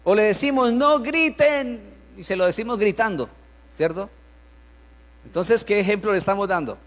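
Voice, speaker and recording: A man's voice: high voice, fairly quick. A male pastor preaching in a conversational sermon style, acting out what parents say to their children. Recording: reverberant hall with mains hum.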